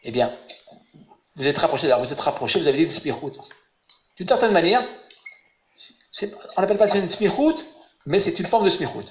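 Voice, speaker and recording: A man teaching biblical Hebrew grammar online, patient and encouraging as he quizzes his students. His voice sits a little high. It sounds roomy and muffled, like webinar audio. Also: brisk, long pauses. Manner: patient, encouraging, asks questions. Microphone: webinar call audio.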